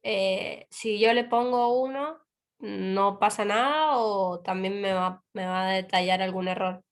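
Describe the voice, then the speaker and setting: Slow-spoken woman student asking. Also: medium pitch, fairly even intonation. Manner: hesitant, halting. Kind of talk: asking a question in class.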